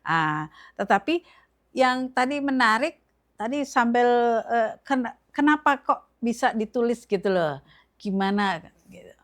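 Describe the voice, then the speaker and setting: A woman's voice: on the high side, expressive, measured pace, a bit bright. An older woman hosting a casual interview, speaking hesitantly with many fillers and murmured agreement. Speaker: host.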